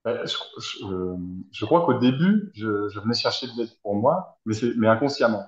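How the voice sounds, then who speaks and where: A man's voice: on the low side, expressive, normal speed, roomy sound, dull audio. A man in his thirties from France, answering interview questions in a reflective, hesitant way over a video call. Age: 30s. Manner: reflective, hesitant, searching for words. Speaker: guest, helping professional. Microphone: video call from abroad.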